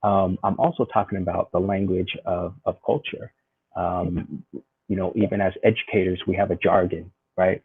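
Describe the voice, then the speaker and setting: Joining an interview by video call, this American guest in his forties talks thoughtfully, often using fillers and restarting sentences. His deep, breathy-edged voice holds a steady tone at normal speed, and the tinny call audio has no echo.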